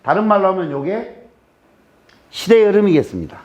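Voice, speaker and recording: A man's voice: sits high, very animated, brisk, a little mellow. A man from Jeolla with a Jeolla Korean accent, giving a humorous lecture to a live audience, joking, teasing and firing rhetorical questions at the crowd. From Jeolla, South Korea. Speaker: guest lecturer. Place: lecture room. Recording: dull lo-fi recording.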